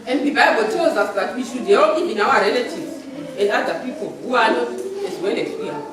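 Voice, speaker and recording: Lively high-voiced woman preaching in echoey church. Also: a little fast, noisy background. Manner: animated, laughing often, acting out shouted commands. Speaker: lay preacher. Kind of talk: sermon. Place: church hall. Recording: echoey church hall, mic far off, congregation audible.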